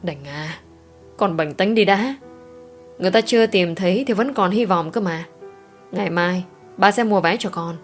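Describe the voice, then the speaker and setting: A woman reading an audiobook voices a gentle, worried father who speaks in a soft, soothing way. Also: mid-range voice, normal speed, pauses often, soft background music, natural voice.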